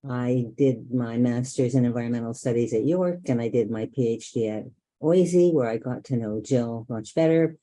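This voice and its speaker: Dark-voiced woman rambling on a call. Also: very deep voice. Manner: rambling, pauses and fillers. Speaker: activist guest.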